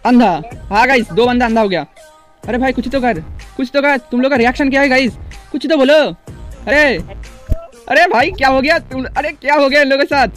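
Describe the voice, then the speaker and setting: A young man giving excitable, casual commentary over gameplay, repeating words in rapid bursts. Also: very high voice, faint music behind. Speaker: gaming YouTuber.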